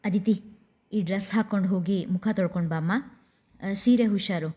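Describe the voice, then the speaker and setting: A woman voicing a warm, motherly middle-aged aunt who coaxes two tearful sisters in a storybook reading. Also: mid-range voice, normal speed, close to an everyday voice. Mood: coaxing.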